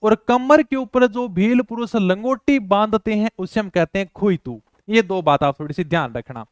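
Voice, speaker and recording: A man's voice: sits high, lively intonation, moderate pace, smooth, no echo, clean studio sound. A male teacher giving an exam-prep lecture. He repeats each term several times and asks and answers his own questions.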